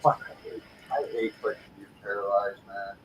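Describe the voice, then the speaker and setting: A man's voice: fairly low pitch, fairly even intonation, moderate pace, slight background noise, poor audio. A man talking casually on his livestream, blunt and frustrated, swearing heavily. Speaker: livestream host.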